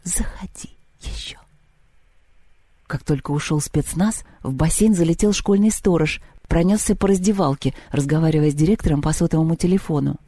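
A woman calmly narrating a children's storybook. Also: low-pitched, brisk, hardly any pauses, dry recording. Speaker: audiobook reader.

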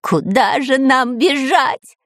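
A woman's voice: fairly high pitch, big pitch swings, fairly quick, breathy edge, no echo, studio quality, voice pushed up. A woman voicing a cowardly male spy in a storybook reading, whiny and grumbling. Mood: panicked.

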